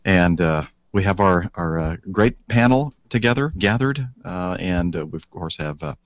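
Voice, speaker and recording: Playful low-voiced man hosting a chat. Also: moderate pace, dry recording. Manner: playful, chuckling, relaxed rambling with fillers. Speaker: host. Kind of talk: casual podcast chat. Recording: slightly dull lo-fi sound with faint music.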